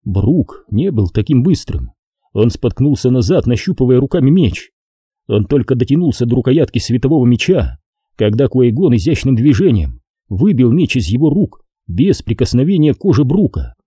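A male narrator reads an adventure novel aloud with steady, expressive storytelling. His voice is deep-toned and very mellow, with a husky edge. The sound is close and dry, with no room around it. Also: normal speed, dry recording. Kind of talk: audiobook narration.

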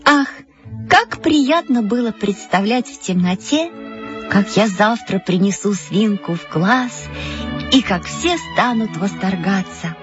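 A woman narrating a first-person children's story, animated and expressive. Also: mid-range voice, slow pace. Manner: animated, playing a girl narrator. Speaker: audiobook reader. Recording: dull lo-fi with music behind.

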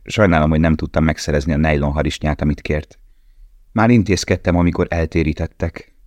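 A man reading the part of a young male prisoner tattooist, earnest and gentle in a storybook. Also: rumbling low, fairly even intonation, no room sound, lo-fi sound.

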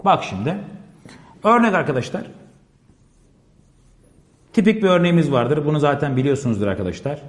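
A man's voice: a little high, lively intonation, fairly quick, long pauses. A man teaching a classroom lecture, explaining step by step, repeating key phrases and constantly addressing his listeners. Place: classroom with a board. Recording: echoey room with long reverb.

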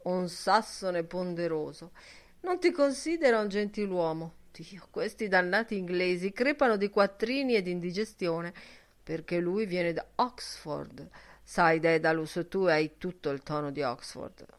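A woman's voice: on the low side, a little slow, natural voice. A woman reading an audiobook, voicing a jovial, mocking young man who teases and mock-preaches. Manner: mock-preaching, boisterous, teasing.

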